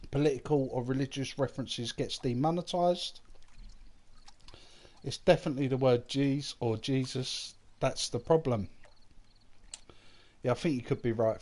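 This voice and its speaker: A man's voice: mid-range voice, darkish tone. Giggly man streaming a game. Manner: giggly, keeps laughing at his own jokes; chats with viewers, reading their comments aloud. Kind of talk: casual live-stream chat.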